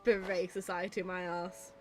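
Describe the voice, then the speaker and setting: A British woman streams herself playing a video game, offering casual, sweary, exasperated let's-play commentary. Her voice is lowish with little pitch movement and a moderate pace, and faint music plays behind her.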